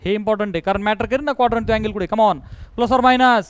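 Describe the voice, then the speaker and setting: A man's voice: high voice, steady tone, fast, clean tone, rough recording. A man teaching math to a classroom, firing questions at students and mixing in English terms. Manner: drills students with call-and-response questions. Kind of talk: classroom lecture.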